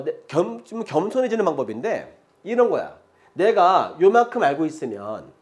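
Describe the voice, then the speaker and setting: A middle-aged male math teacher whose lively pitch swings up and down as he lectures. He talks in a chatty way, switches between polite and casual speech, and keeps checking in with the students. Now and then he laughs as he explains.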